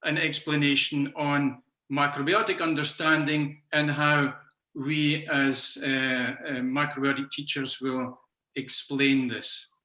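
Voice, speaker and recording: Speaking slowly and flatly with a sharp tone on the high side, a macrobiotics teacher from Scotland gives an online talk full of ums and uhs. He's in his sixties, using a video call microphone, and the recording has a roomy echo.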